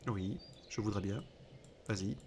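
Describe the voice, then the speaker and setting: A man's voice: fairly low pitch, measured pace, a little mellow, slight background noise. A man hosting a let's play, giving casual gaming commentary, sarcastic and joking, swearing and mocking the game text he reads out.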